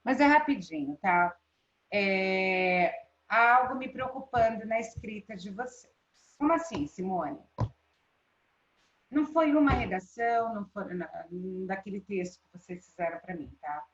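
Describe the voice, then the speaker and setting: A woman teacher with a Brazilian Portuguese accent runs a live online class, frequently checking in with her students. Her voice is medium-pitched at a normal speed, and the recording sounds roomy, dull, and lo-fi.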